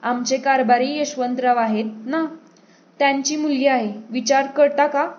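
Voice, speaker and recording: A woman reader voicing an arrogant, drunken male chieftain who mocks and shouts at an envoy. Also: high-pitched, steady tone, a little slow, lo-fi sound. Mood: sneering. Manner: sneering, mocking, shouting.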